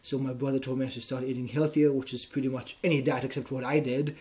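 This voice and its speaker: A young Israeli man in his twenties, a personal trainer, tells his story in a casual interview, speaking with an Israeli accent and an earnest manner while often ending sentences with "right?". His mid-range voice is fast, level in tone, and a little mellow, recorded on a headset in a small room at home.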